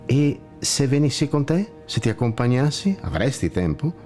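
A man's voice: mid-range voice, big pitch swings, normal speed, darkish tone, faint music behind. A man voicing a weary, anxious blind man who asks plaintive questions while searching for a better place, in a storybook tale.

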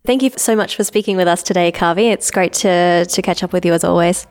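A woman interviewer asking quick, upbeat questions. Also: on the low side, a little mellow, soft background music.

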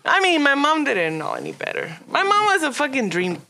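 A woman's voice: high voice, sing-song, brisk, crowd noise. A Mexican-American woman, a podcast guest recorded in a garage, chatting casually in mixed English and Spanish, telling stories animatedly and swearing freely. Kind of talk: casual bilingual chat, switching between English and Spanish.

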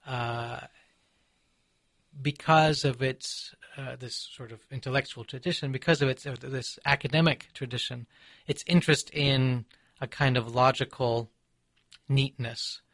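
A man from Seattle, an author and poet being interviewed, who speaks in a measured, reflective way with frequent pauses and ums. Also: medium pitch, fairly even intonation, a bit bright, no echo. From Seattle, USA. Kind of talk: thoughtful conversational interview.

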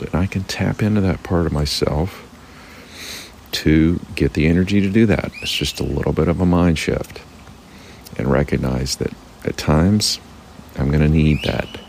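A man speaks in a very low, gravelly frog voice, hoarse and croaking. He hosts a thoughtful solo podcast, talking off the cuff. A light noise sits behind him. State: temporarily hoarse. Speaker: podcast host. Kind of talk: reflective solo podcast monologue.

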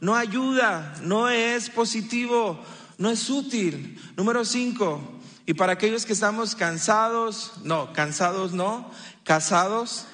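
A man's voice: high voice, slow, a bit bright. A man preaching a sermon as a pastor, mixing humor with teaching and acting out the lines people say. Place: church hall. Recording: live church hall reverb.

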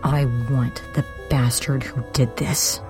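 A man's voice: on the high side, moderate pace, music in the background, voice pushed up, natural voice. A male narrator voicing a fierce, protective young woman friend who speaks insistently in a raised voice.

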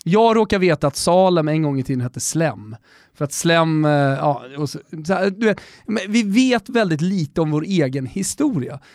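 A man's voice: a little high, lively intonation, a little mellow, no echo, studio quality. A man in a casual podcast chat who rambles with hesitant restarts and the occasional emphatic swear.

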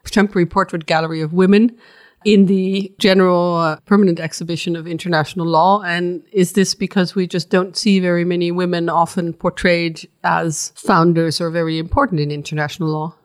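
A woman's voice: on the low side, fairly even intonation, brisk. A woman journalist co-hosting an interview podcast and asking questions conversationally. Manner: conversational, with hesitations.

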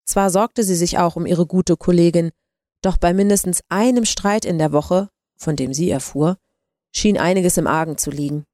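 A woman narrates a story in a measured, even voice. Her tone is low and mellow, and the sound is close and dry. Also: no room sound. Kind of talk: audiobook narration.

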